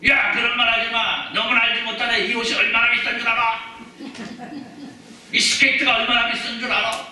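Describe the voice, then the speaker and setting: A stubborn rich man shouts back in loud indignation, as a pastor puts him on in the pulpit, his voice pushed up high and bright. The sound comes from across a very echoey church hall, picked up by a distant mic. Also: level tone, normal speed, full character voice. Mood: indignant. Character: stubborn rich man refusing to drop his costly things.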